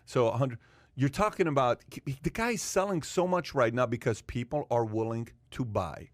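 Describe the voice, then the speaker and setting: Male podcast host, mid pitch, dry close studio sound, emphatic storyteller. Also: moderate pace, no room sound. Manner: animated storyteller, repeats points for emphasis. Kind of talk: casual panel chat.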